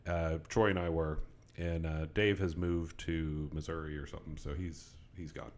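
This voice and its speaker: A man's voice: extremely low pitch, fairly even intonation, moderate pace, darkish tone. A man who is a podcast guest, telling stories in casual chat in an easygoing way. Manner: storytelling, easygoing.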